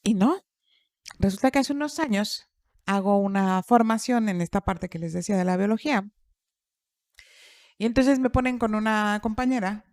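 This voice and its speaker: A woman's voice: medium pitch, normal speed, long pauses, a little mellow, dry recording. A middle-aged woman telling a personal story in casual podcast chat, repeating phrases for emphasis. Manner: acts out quoted dialogue. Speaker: podcast speaker.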